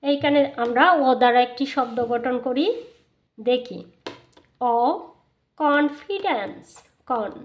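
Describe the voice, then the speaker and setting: A woman teaching English spelling and phonics, spelling words out letter by letter and repeating them slowly. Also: fairly high pitch, fairly even intonation, a little mellow. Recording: dull lo-fi sound.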